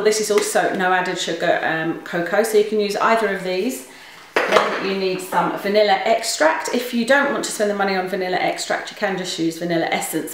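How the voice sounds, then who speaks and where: A British woman chatting through a recipe in her home kitchen, her voice carrying a heavy room echo, with a rambling manner and plenty of ums. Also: lowish voice. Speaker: cooking vlogger. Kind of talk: casual recipe demonstration. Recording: very echoey kitchen recording.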